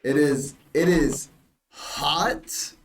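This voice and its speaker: A man's voice: a little high, extremely slow. A game master's voice comes through an online call that keeps breaking up and dropping out. The man sounds distant and echoey, as if set back from his mic in a bare room, with a faint hiss underneath. He talks in an easy, explaining way, filling the gaps with ums. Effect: voice call audio breaking up and cutting out. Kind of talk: narrating a tabletop game over a voice call.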